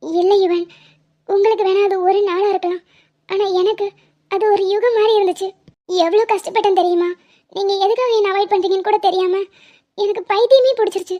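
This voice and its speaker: A woman doing a cartoon heroine in love, anxious and clingy, speaking in a very high, soft-toned voice with a mellow, dark timbre. She pleads with emotion, and the audio sounds dull and lo-fi. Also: fairly even intonation, brisk, pauses often. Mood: hurt. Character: young woman, clingy, anxious and devoted lover.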